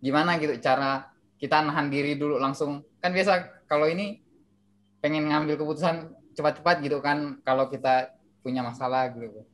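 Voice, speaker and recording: A man's voice: on the high side, fairly even intonation, a little fast, a bit bright. A young man in his twenties asks a long question, hesitant and full of fillers. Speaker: audience member asking.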